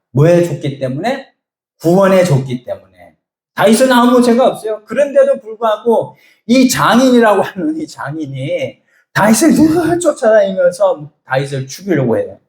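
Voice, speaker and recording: A man's voice: on the high side, a little mellow, echoey room. A middle-aged man preaching a sermon as a pastor, telling stories, acting out voices and asking the congregation questions. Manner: storytelling, acts out voices, asks the congregation questions.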